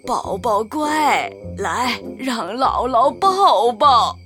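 An older granny figure, as a woman puts her on for a children's storybook, lower than the storyteller's own voice but still lively. She scolds fondly and slowly, soothing rather than sharp, with soft children's music behind. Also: heavily acted. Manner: chiding, slow and soothing.

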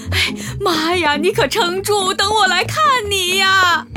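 A woman's voice: extremely high pitch, unhurried, music in the background. A woman voicing a careless, flustered young mother in a children's storybook, full of exclamations and fretful sighs.

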